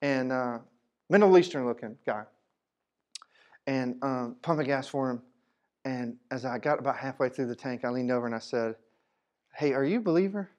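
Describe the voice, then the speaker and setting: A man preaching a sermon as pastor, telling stories in a lively, animated way with casual Southern phrasing. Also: medium pitch, normal speed, long pauses. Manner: animated storytelling, Southern speech. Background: congregation responses.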